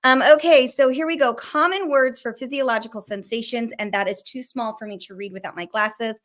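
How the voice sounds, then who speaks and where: Fast-talking, chatty middle-aged woman counselor. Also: a little high, steady tone, a bit bright. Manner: fast and chatty, swears casually. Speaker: licensed counselor hosting a mental health show. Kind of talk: casual teaching while sharing a screen.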